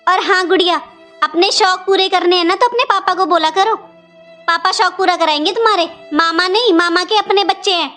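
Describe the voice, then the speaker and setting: A woman's voice: very high voice, brisk, bright, forceful tone, faint music behind. A woman voicing a stingy, scolding aunt by marriage in a cartoon, with a taunting, complaining manner. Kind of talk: cartoon voice acting.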